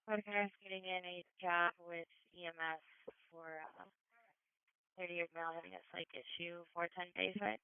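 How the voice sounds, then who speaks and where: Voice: medium pitch, level tone, normal speed, clear, resonant tone, dry recording. A police dispatcher giving terse codes and addresses over two-way radio. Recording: narrow tinny scanner radio audio.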